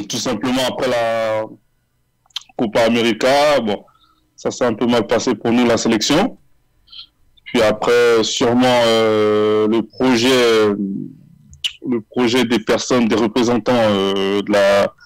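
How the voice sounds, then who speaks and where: A man in his thirties from France, a footballer, being interviewed over a video call with earphones, talking in a relaxed, measured way with many fillers. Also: medium pitch, dry recording, poor audio. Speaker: guest, footballer. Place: small indoor room. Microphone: earphone headset on video call.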